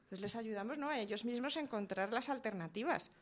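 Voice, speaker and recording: Woman, slightly high voice, expert guest, explanatory, acts out examples. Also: fast. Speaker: guest expert on family communication. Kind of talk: conversational radio interview.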